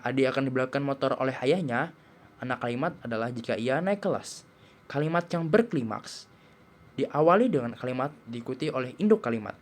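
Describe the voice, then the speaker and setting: A young man presenting class material, reading steadily from his notes with small slips and restarts. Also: medium pitch. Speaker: student presenter.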